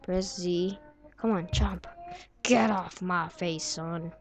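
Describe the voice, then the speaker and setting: A woman's voice: on the low side, steady tone, slow pace. A woman giving casual gameplay commentary, muttering to herself between sudden whoops and cheers. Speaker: gamer playing a physics game.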